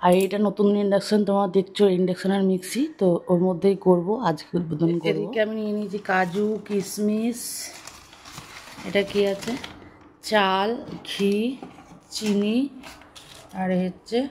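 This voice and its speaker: Soft-spoken woman vlogging in a kitchen. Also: mid-range voice, steady tone. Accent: Bengali. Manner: talks softly and slowly so as not to wake a sleeping child. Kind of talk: casual cooking vlog narration. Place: home kitchen. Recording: noisy home recording.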